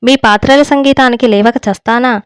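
A woman's voice: fairly high pitch, steady tone, moderate pace, clean tone, dry recording, studio quality, close to an everyday voice. Woman voicing a teasing practical young wife. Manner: teasing, irritated. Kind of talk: audiobook storytelling.

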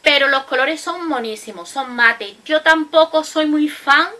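A woman's voice: high-pitched, a little slow, bright, forceful tone. A woman vlogger talking casually as she swatches and reviews makeup shades, chatty and explaining, with lots of little check-in questions. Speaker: beauty vlogger. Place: indoors at home, recorded late at night.

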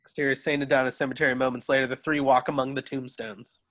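A man reads a script's scene directions as narrator during an informal online table read, speaking over a video call from indoors at home. His voice is medium-pitched and a bit bright, delivered flatly and fast.

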